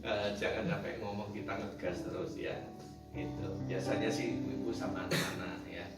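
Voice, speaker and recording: A man's voice: fairly low pitch, flat delivery, normal speed. Man, preacher, casual joking sermon, instrument music behind. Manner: conversational, jokes with the congregation. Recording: echoey room, mic from a distance.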